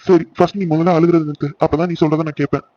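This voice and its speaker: A man's voice: a little high, flat delivery, very fast, dark tone, no echo, dull audio, close to an everyday voice. A man voicing a young cartoon husband, eager and affectionate, teasing his wife playfully. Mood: coaxing. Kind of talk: cartoon voice acting.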